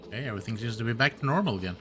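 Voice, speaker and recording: Bright, lively male game streamer. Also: medium pitch, rapid-fire. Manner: mutters to himself while playing. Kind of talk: live gameplay commentary.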